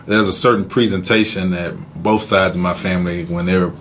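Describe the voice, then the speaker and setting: A man's voice: deep voice, steady tone, a bit bright. A man hosting a casual interview, upbeat and chatty. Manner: upbeat, chatty, quick with laughs. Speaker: podcast host. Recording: faint background noise.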